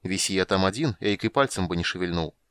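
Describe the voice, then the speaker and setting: Bitter male witcher in a storybook, a man reading him, low voice, dry sound, biting and formal. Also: quick pace, a bit bright, clean tone, no echo. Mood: bitter mockery.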